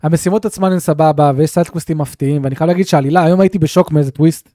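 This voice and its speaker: Man, casual podcast chat, animated storyteller, slightly high voice, dry close sound. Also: dry recording. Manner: animated storyteller, acts out scenes. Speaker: podcast co-host.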